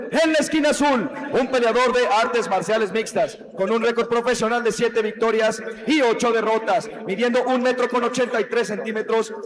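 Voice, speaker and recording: A man announcing fights in dramatic lucha libre style, formal and booming, stretching out his words. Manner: formal, drawn-out, booming delivery with stretched names. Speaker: ring announcer. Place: large indoor fight venue, over a PA. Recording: roomy arena PA with long reverb.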